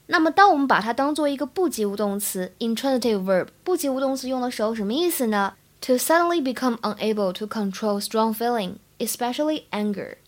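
A woman's voice: on the high side, animated, brisk, few pauses. A young woman from China teaching spoken English, explaining pronunciation step by step in an upbeat way. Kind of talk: podcast-style English lesson.

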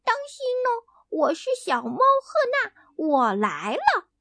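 A tiny, excitable storybook chick chirps her lines in a squeaky voice pitched far above ordinary speech, as a woman puts her on. The voice is dry and close, with no room around it, and the pace stays unhurried. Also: creaky, no echo, full character voice. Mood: excited chirping. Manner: squeaky high chirping exclamations. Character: small brave female chick, excitable.

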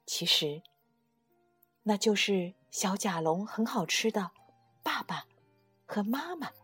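A woman narrating a children's bedtime story in a gentle, expressive way. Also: medium pitch, slow, husky, soft background music.

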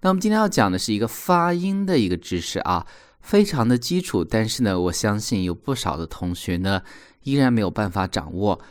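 Guy teaching english sounds, lowish voice that bounces around a lot, says words slow and repeats em. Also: big pitch swings. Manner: explains patiently, models words slowly and repeats them. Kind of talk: recorded pronunciation lesson.

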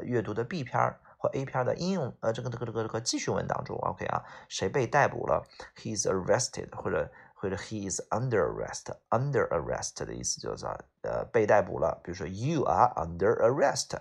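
Gravelly, husky male vocabulary teacher. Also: lowish voice. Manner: explains in Chinese, repeats English words slowly, frequent "OK啊" tags. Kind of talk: exam vocabulary lesson.

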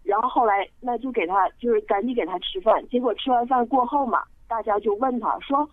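Over a tinny, dry telephone line with no echo, a Sichuan woman phones a radio program to recount a ghost story, stumbling through many hesitant fillers. Her voice is on the high side and a little fast.

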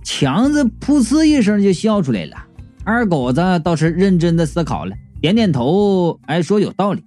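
A man reading a comic audio novel aloud, lively and jokey with quick asides. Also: high-pitched, faint music behind. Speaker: storyteller.

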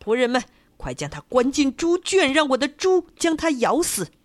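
A woman voicing a greedy, cruel male landlord who shouts angry orders at his servants in a storybook tale. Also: high voice, big pitch swings, unhurried, no room sound, voice pushed up, exaggerated voice. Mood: furious.

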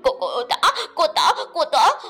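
A panicked hen from a children's storybook clucks and shrieks for help, as a woman acts her out. Her voice shoots up high and leaps wildly. Faint music plays behind her. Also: very animated, measured pace, fairly bright tone, exaggerated voice. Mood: alarmed. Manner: clucking, shrill cries for help.

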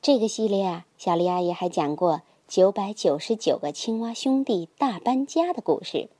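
A woman narrating a children's bedtime story in a gentle, sing-song manner. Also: medium pitch, animated, moderate pace, no room sound.

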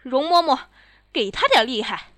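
A woman's voice: sits high, very animated, moderate pace, fairly bright tone, no echo, clean studio sound. A woman playing a scornful, imperious empress giving orders. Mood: commanding. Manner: commanding, scornful. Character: stern imperious empress, cold and commanding. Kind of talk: period palace drama acting.

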